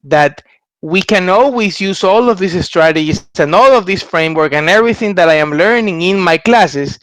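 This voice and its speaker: A man's voice: high-pitched, animated, moderate pace, fairly bright tone, dry recording. A man in his thirties from Ecuador giving an earnest testimonial over a headset mic in a small room, gesturing as he talks and often restarting his phrases. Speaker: MBA graduate giving a testimonial. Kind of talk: testimonial talk to camera. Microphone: headset mic on a video call.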